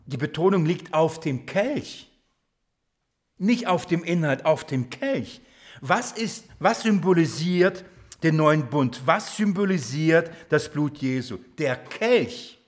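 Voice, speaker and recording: Ein Mann, der vor einer Gemeinde predigt, lebhaft und mit Fragen an die Zuhörer, wird für Betonungen oft leise. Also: male voice, a little high. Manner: lively preaching, drops to quiet emphatic lines, asks the congregation questions. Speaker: preacher. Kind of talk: sermon.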